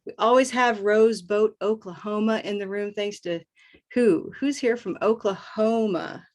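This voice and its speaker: Upbeat middle-aged American woman, online pronunciation teacher, slow repetitive drilling. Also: medium pitch. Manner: upbeat, drills words by repeating them slowly. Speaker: host and English pronunciation teacher. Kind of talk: live online pronunciation lesson.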